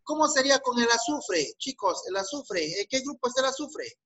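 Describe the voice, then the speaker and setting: A man's voice: very high voice, animated, moderate pace, sharp tone, rough recording. A man teaching a chemistry class with a Peruvian Spanish accent, asking students questions and repeating their answers. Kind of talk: online class lesson.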